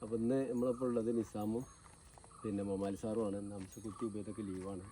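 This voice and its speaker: A man's voice: on the low side, little pitch movement, quick pace, warm tone. A man chatting casually as a vlog presenter, mixing English words into his Malayalam, recorded outdoors. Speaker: presenter of a borewell water-point vlog. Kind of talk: casual on-site vlog chat. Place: outdoors on a rural plot. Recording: noisy outdoor field recording.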